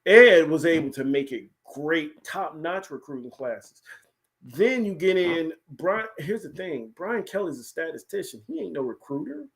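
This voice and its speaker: A man's voice: a little high, measured pace. Emphatic man chatting sports. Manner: animated, emphatic, repeats "here's the thing". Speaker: podcast co-host. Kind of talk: casual sports chat.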